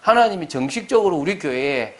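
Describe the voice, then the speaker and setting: A man's voice: fairly high pitch, lively intonation, brisk, a bit bright. A man preaching a Sunday sermon as pastor. He stresses his points hard and keeps putting questions to the congregation.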